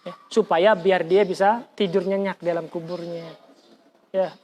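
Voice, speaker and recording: A man. He demonstrates as he explains and keeps asking his listeners questions. His pitch jumps up suddenly in exclamations. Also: a little slow. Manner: animated, colloquial, demonstrating with gestures, asks the audience questions. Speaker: religious teacher. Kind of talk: lively Islamic study lesson with demonstration.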